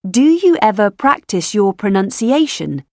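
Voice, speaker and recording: A woman reading scripted questions for a language lesson recording, enunciating each one clearly. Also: medium pitch, big pitch swings, a little slow, no room sound, clean studio sound. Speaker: language textbook audio narrator.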